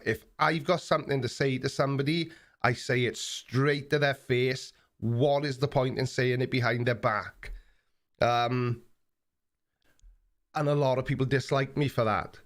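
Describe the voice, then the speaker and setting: A live-stream host, an Australian man in his forties, casually answers comments from viewers. His talk is relaxed and plain, sprinkled with ums, delivered unhurriedly at a medium pitch.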